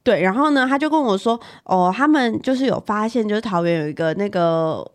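A young woman co-hosting a podcast, telling a story in animated casual chat and laughing often. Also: mid-range voice, fairly quick. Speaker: podcast co-host.

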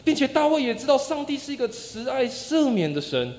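A man preaching a sermon, telling a story with acted-out quotes, his voice dropping soft and low at the ends of phrases. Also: big pitch swings, brisk. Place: church sanctuary. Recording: long church reverb.

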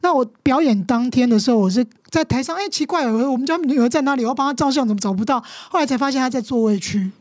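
A woman's voice: high voice, darkish tone, no room sound. A middle-aged woman with a Taiwanese Mandarin accent, a guest telling a painful story with passion and strong emotion. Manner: impassioned, emotional, quick to act out scenes. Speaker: guest, teacher and mother. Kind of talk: podcast interview storytelling.

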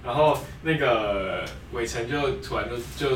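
A man's voice: mid-range voice, normal speed. A man, co-hosting a casual podcast chat, telling stories with laughs and acting out quotes. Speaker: podcast co-host. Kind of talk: casual chat among friends. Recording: echoey room, distant mic, noisy.

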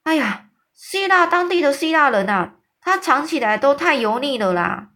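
A woman voicing a huge, boisterous male giant who teases loudly and draws out his exclamations. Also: sing-song, heavily acted. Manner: booming, boisterous, drawn-out exclamations.

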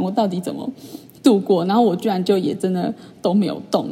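A young woman chats through a story for her vlog, full of fillers and animated asides. Her voice is mellow and husky with a gravelly edge of fry. A long reverb trails after her words. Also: medium pitch. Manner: chatty, animated retelling with many fillers. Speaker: vlogger. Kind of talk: casual storytelling monologue.

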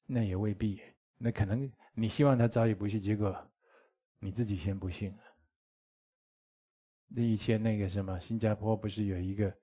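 A man's voice: fairly low pitch, fairly even intonation, normal speed, long pauses, warm tone, breathy edge. A man giving a dharma lecture as a Buddhist teacher, speaking conversationally, chuckling and asking his listeners rhetorical questions.

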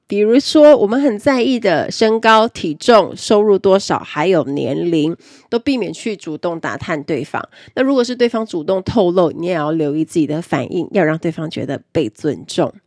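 A woman with a low, slightly husky voice talks through practical speaking tips like a lesson. Her pitch swings widely as she explains point by point, leaning hard on the key words of each list. The sound is close and dry, with no room around her. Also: a little mellow, no echo. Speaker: self-improvement presenter. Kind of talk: instructional talk on speaking skills.

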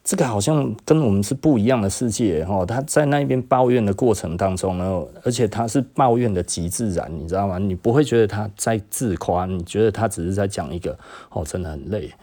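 A middle-aged man, hosting a podcast and casually telling stories from his own life, tagging his phrases with a drawn-out "hm" particle and chuckling as he goes. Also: lowish voice, mellow. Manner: tags nearly every phrase with a drawn-out "hm" particle and chuckles often. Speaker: podcast host. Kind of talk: casual personal storytelling.

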